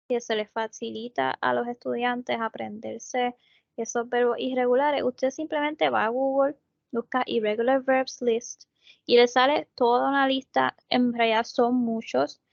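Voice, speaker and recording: A woman's voice: on the high side, creaky, no room sound, lo-fi sound. A woman tutor with a Puerto Rican accent teaching English verbs over a video call, patiently explaining step by step and often checking in with her students. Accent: Puerto Rican Spanish. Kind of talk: online tutoring lesson.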